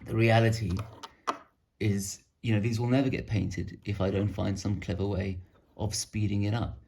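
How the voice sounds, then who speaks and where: Gravelly-voiced man rambling. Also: fairly low pitch, steady tone, moderate pace, darkish tone. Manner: rambling, digressive, self-deprecating. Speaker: miniature painting hobbyist. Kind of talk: casual hobby show-and-tell.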